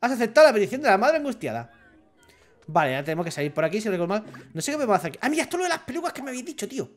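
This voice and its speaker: A man's voice: high voice, lively intonation, very fast. A man giving playful, chatty commentary on a video game. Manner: playful, chatty, laughs often. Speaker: gaming youtuber. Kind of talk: let's play commentary.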